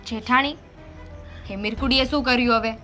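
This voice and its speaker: A young woman with a Gujarati accent playing a sharp-tongued, demanding daughter-in-law. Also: fairly high pitch, fairly even intonation, a little fast, faint music behind. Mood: concerned. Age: young adult. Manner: demanding, shouting at in-laws.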